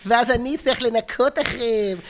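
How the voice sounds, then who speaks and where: A man putting on the voice of a whiny male worker who grumbles in a slow, complaining drawl. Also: very high voice, voice pushed up.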